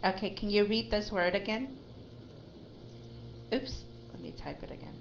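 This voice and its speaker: A woman's voice: mid-range voice, normal speed, gravelly, slight background noise. A woman teaching an online English lesson, patiently correcting a student's pronunciation. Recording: slightly dull lo-fi online audio.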